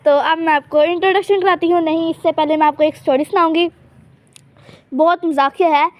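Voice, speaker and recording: A woman's voice: very high-pitched, steady tone, brisk, no room sound. A woman casually narrating a life-sim game in character, chatty and teasing, often hinting at secrets she won't share. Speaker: gameplay channel host.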